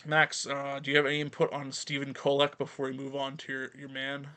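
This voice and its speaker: Bright-voiced young man on a sports podcast. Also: mid-range voice, monotone, fairly quick, smooth. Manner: chatty, self-deprecating, rattles off stats. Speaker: podcast co-host. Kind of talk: casual sports podcast chat.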